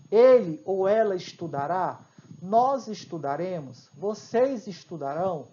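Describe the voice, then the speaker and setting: A man's voice: high-pitched, warm tone. A man with a Brazilian accent, an English teacher giving a recorded grammar lesson, explaining patiently and often checking in with his students. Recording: dull lo-fi with faint hiss.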